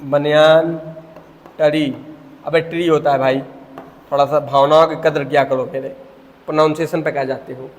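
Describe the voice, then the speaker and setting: A man's voice: a little high, level tone, a little fast. A young man teaching a biology lecture, chatty and joking, calling his students "beta". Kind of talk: classroom lecture. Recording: reverberant classroom.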